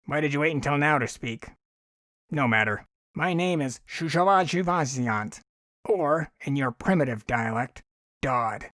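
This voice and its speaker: A man voicing an angry male alien with a stiff, clear, high-pitched way of speaking, in a dry audiobook reading. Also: expressive, a little slow, fairly bright tone, no room sound. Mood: demanding. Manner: scolding, commanding. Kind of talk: audiobook character voice.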